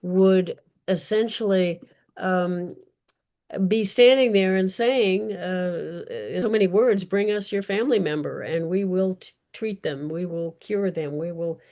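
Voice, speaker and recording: Answering audience questions at a virtual event, a woman author speaks carefully and unscripted, often searching for words. Her voice leans low and warm, with a measured pace.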